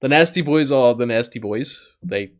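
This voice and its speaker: A man co-hosts a casual wrestling review podcast. His voice is mid-pitched and plain, and he states his opinions bluntly with short, agreeing replies. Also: moderate pace. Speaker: podcast co-host.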